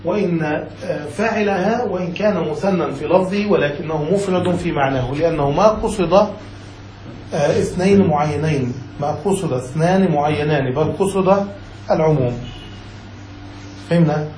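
Man teaching Arabic grammar, dark echo. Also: a little high, moderate pace, pauses often, slight background noise. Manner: reads text then explains, checks students with "got it?". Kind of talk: classical text lesson.

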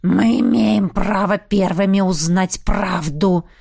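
A woman voicing a snarling undead male ghoul who growls slow threats. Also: mid-range voice, dry recording, clean studio sound. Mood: menacing.

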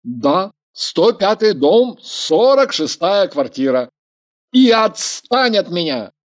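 A woman voicing a stubborn, touchy man in a slow, deliberate, sulky way. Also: medium pitch, big pitch swings.

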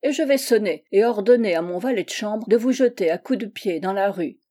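Storybook: female reader as a proud but shaken gentleman, prim and polite, warm mellow voice. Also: medium pitch, expressive, a little fast, natural voice. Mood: indignant. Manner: stiffly polite, easily alarmed. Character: flustered, dignified drunken gentleman narrator.

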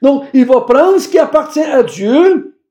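A man's voice: very high-pitched, animated, unhurried, mellow, reverberant. A man teaching a Bible passage, emphatic and repeating phrases for stress. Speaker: preacher.

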